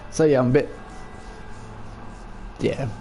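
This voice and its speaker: A man with a croaky voice hosts a gaming livestream in a chatty, rambling, self-deprecating way. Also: medium pitch, steady tone, slow, dark tone, a little hiss or hum. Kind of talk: casual livestream game commentary.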